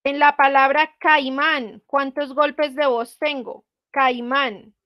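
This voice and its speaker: A woman teacher, speaking slowly and patiently to her students. Her voice sits high, and she checks their answers with frequent questions. The recording is close and dry. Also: flat delivery, no room sound, muffled recording. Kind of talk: online class explanation.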